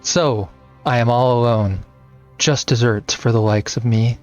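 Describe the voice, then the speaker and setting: A brooding rock star of a video game, lamenting in a slow, dramatic way, as a man reads him out. His voice sits in a middle pitch, slightly dull, with faint game music behind it. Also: fairly even intonation, lightly acted. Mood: melancholy. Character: brooding male rock star, melancholy and theatrical.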